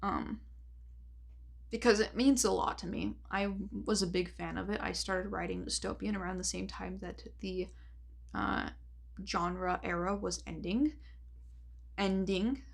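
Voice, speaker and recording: Young woman vlogging, earnest and rambly, voice going rough and gravelly. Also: mid-range voice, fairly even intonation, normal speed. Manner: earnest, rambling, lots of fillers. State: losing her voice. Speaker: author and vlogger. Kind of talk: casual talking-head vlog.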